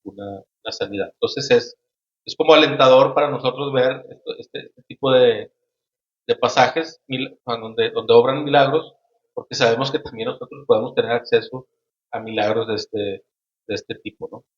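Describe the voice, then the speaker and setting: A man hosting a casual Bible study discussion, speaking haltingly with many restarts and frequent tag questions. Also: medium pitch, steady tone. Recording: roomy, dull lo-fi sound.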